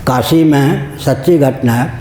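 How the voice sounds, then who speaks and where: A man's voice: mid-range voice, slow pace, warm tone, echoey room, a little hiss or hum. An older man, a spiritual teacher, giving a religious discourse, explaining with anecdotes and laughing at his own jokes.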